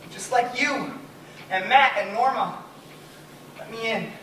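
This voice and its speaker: An actor playing a young man who was once slow and is now a desperate genius, speaking intensely and breaking into shouts, recorded from far off on an echoing stage. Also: very high-pitched, slight background noise, full character voice. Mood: pleading.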